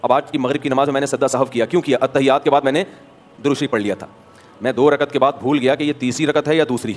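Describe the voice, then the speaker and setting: A man from Pakistan, a mufti, giving a conversational sermon full of anecdotes, acting out dialogues and asking rhetorical questions. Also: medium pitch. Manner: animated storyteller, acts out dialogues, rhetorical questions. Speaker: mufti, religious scholar.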